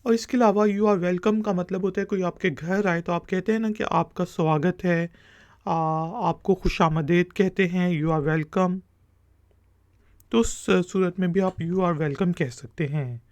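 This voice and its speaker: A man's voice: high-pitched, a little slow, no echo. A man teaching a beginner language lesson, saying each phrase and then repeating it carefully for learners.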